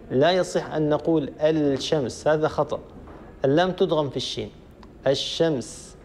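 A man, a sheikh, giving a recitation lesson, slowly drilling examples and rising in pitch on questions. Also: a little mellow, slight background noise. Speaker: sheikh teaching Quran recitation.

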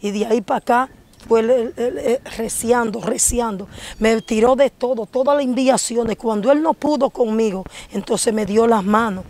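A woman's voice: fairly high pitch, normal speed, darkish tone. Fervent woman giving testimony. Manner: emphatic, declaring rebukes in a raised preaching voice. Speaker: church testimony giver.

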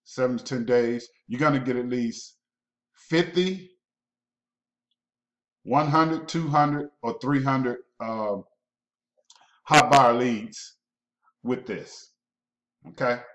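A man giving a sales pitch over a screen recording, pushy and repetitive, checking in with "okay?" again and again. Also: takes it slowly, pauses often, fairly bright tone. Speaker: mail-order program promoter. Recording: roomy, dull lo-fi sound.

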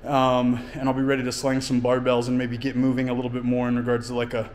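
Casual male fitness coach vlogging, winded, middle pitch. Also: monotone, fast, a little mellow, slight background noise. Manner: explains training plainly between efforts, with fillers. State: out of breath. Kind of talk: casual workout vlog talk. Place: home gym and outdoors in winter.

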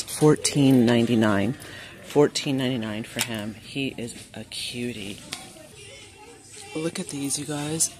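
A woman filming a shop-with-me vlog in a large store on a handheld phone, chatting excitably and reading prices aloud. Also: extremely low pitch. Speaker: vlogger. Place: large indoor retail store. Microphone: handheld phone camera.

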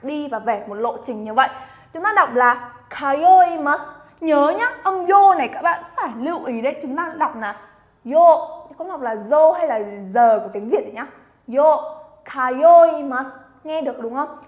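High-pitched vietnamese woman teacher, chatty and encouraging, repeats japanese words slow for you to copy. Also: lively intonation. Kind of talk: lively vocabulary lesson.

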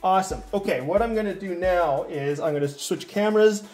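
Man, somewhat high voice, rambling unboxing chat, hurting and short of breath, faint music behind. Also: a little fast, darkish tone. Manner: chatty, rambling, with many restarts and fillers. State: in pain, a little out of breath. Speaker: unboxing vlogger. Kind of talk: casual unboxing talk.

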